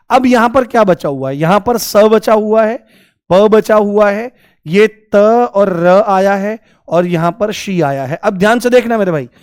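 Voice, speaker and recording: High-voiced man teaching Hindi grammar. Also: darkish tone, clear, resonant tone, dry recording, studio quality. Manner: repeats key answers in a drawn-out, sing-song way; quizzes the class with rhetorical questions. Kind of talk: classroom lecture.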